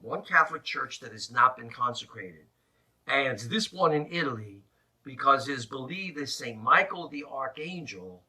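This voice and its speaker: A man telling a personal story to camera in an animated, emphatic way with dramatic pauses, speaking in the attic of his house. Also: on the high side. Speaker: religious presenter and storyteller. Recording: slightly distant mic in an attic.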